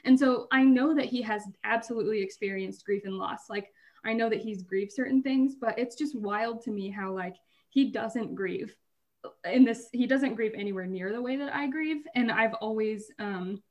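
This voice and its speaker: A woman with a fairly high, darkish-toned voice co-hosts a podcast at a normal speed. Her talk is casual and meandering, full of self-interruptions and laughter even when the stories are difficult.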